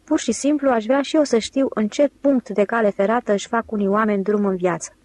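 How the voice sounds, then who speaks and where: A woman voicing a sly young male adventurer in an audiobook, smooth and quick to grow jealous. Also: fairly high pitch, steady tone, darkish tone, dry recording, close to an everyday voice. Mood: anxious. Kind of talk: audiobook character reading.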